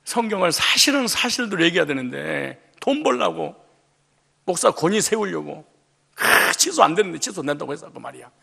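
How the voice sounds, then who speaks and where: A man preaching a sermon as pastor, emphatic and colloquial, often rising to loud outbursts. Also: sits high, big pitch swings, moderate pace, gravelly, husky.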